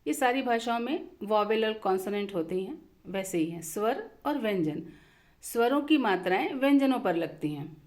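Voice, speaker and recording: A woman teaching a language lesson, repeating definitions slowly and mixing in English terms. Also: medium pitch, animated, a little mellow. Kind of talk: slow explanatory lesson.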